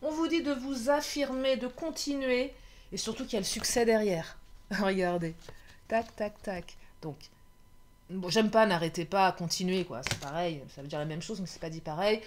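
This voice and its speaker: A woman's voice: medium pitch, normal speed, slight background noise. A woman giving a casual tarot reading, chatty, laughing often and joking about herself. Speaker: tarot card reader.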